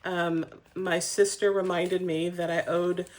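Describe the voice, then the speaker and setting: A woman's voice: lowish voice, flat delivery, slow, darkish tone. A woman hosting a casual craft tutorial at home, talking in a chatty, rambling way with frequent ums and light laughs. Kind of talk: casual how-to demonstration.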